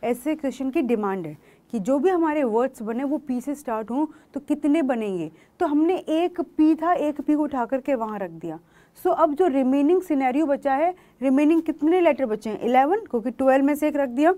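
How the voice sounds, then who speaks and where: A woman's voice: sits high, lively intonation, moderate pace, dark tone. A woman teaching a maths lesson online. She works through each step and keeps checking that students follow. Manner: explains step by step, mixes English terms, checks if students follow.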